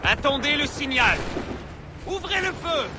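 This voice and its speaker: High-pitched officer shouting battle and retreat orders. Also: male voice, very animated, measured pace, very noisy, heavily acted. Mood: commanding, urgent. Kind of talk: French-dubbed video game acting. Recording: loud music and gunfire behind. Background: music, artillery and gunfire.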